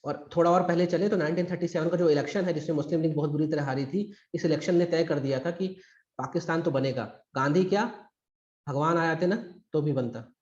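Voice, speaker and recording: A man's slightly fast, darkish, higher-pitched voice leads a live online history session for exam preparation. He's conversational and emphatic and acts out quotes, while the video-call audio is dull and echoes around the room.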